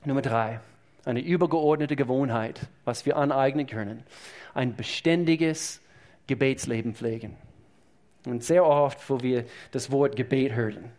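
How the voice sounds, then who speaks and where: A man's voice: mid-range voice, unhurried, a little mellow. A man preaching a sermon to his congregation, emphatic and repeating key phrases as he speaks to them directly. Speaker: pastor. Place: church service.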